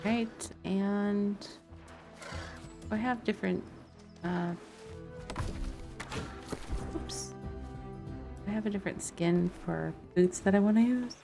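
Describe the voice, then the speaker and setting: With faint music in the background, a female streamer chats loosely about the game she's playing, thinking aloud. She speaks in a mid-range, gravelly voice at a slow pace, leaving long pauses.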